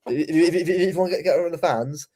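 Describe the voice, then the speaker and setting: A man with a roadman way of speaking gives casual football banter as a guest. His tone is mellow and relaxed in colour, yet he makes his points emphatically and circles back to repeat phrases. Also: fairly high pitch, racing, slightly rough. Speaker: guest on a football fan show.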